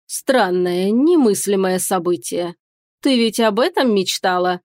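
Woman reading as a slow, imperious harpy queen. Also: mid-range voice, expressive, a little mellow, no echo, clean studio sound, natural voice. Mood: scornful. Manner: slow, drawn-out, hissing. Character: proud imperious harpy queen, stern and scornful. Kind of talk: audiobook character reading.

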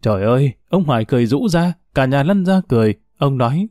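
A man narrating a story in a reflective, steady way. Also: mid-range voice, fast, dry recording, clean studio sound.

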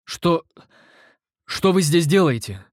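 A man voicing a desperate young man who shouts and pleads, strained and pitched up. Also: lively intonation, takes it slowly, no room sound, studio quality. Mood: alarmed. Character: desperate young man fighting a being in his mind.

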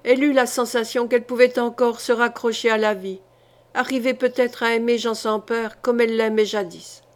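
A woman reading a historical novel aloud as an audiobook, in a measured, dramatic storytelling manner. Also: on the high side, steady tone. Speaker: audiobook reader. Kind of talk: literary audiobook narration.

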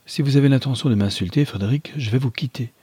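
A man putting on a gentle, dignified young woman in an audiobook, husky and lifted a little above his own low register. She stays courteous but holds her ground, in a dry, close recording. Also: fast talker, dry recording. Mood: cool, firm.

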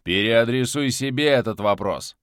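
A man voicing a cold, venomous male crime boss who shouts in fury. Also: mid-range voice, lively intonation, measured pace, no room sound, clean studio sound, voice pushed up. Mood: furious.

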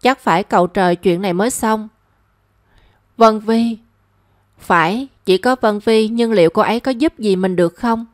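A woman calmly narrating a story. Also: mid-range voice, moderate pace, dry recording, studio quality.

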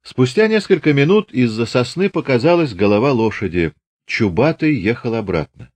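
A man narrating a classic novel as an audiobook in a steady, measured reading. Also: medium pitch, no echo. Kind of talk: scripted literary narration.

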